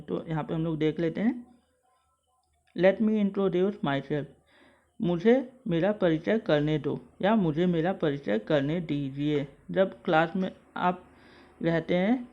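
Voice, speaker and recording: A male school English teacher explaining a textbook lesson word by word, methodical and repetitive. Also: fairly high pitch. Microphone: mobile phone. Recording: dull lo-fi phone recording.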